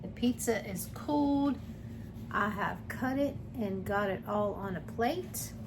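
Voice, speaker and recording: A woman with a medium-pitched voice speaks slowly as she cooks in her home kitchen, chatting casually with her viewers. This cooking vlogger is friendly and talkative and calls her audience "guys." The home recording is noisy.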